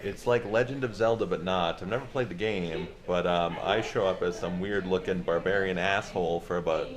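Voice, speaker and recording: A man's voice: low-pitched, moderate pace. A man chatting casually to his camera as an actor vlogging from a film set, joking and swearing as he rambles. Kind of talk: casual vlog chat to camera. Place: indoors, closet and hotel rooms on set. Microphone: action camera held by himself. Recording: echoey small rooms, busy crowd noise.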